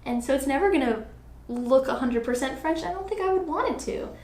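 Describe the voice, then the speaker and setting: This podcast host is a woman with a high-pitched, lively and slightly mellow voice, speaking a little fast. Chatting casually, she thinks aloud earnestly, leaning heavily on filler phrases like "like" and "you know." The room is echoey, with faint background noise.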